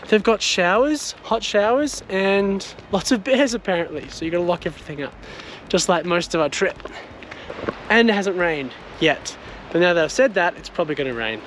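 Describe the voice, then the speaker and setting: A man's voice: high voice, a little hiss or hum. A young man hosting a travel vlog outdoors, chatty and self-deprecating. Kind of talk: casual travel vlog narration. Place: outdoors at a campground.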